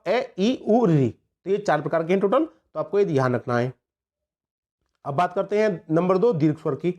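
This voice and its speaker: A man with a high-pitched voice giving an exam prep lesson. He repeats each point and asks his students questions as he goes, mixing words into his teaching. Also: darkish tone. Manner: explains by repeating points and asking the class questions. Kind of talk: spoken lesson over slides.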